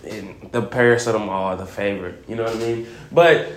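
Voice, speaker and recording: A man's voice: on the low side, brisk. Easygoing young man, echoey room. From Waco, Texas. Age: young adult. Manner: relaxed and easygoing, loose rambling phrasing. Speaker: podcast co-host, student community leader. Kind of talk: casual podcast chat.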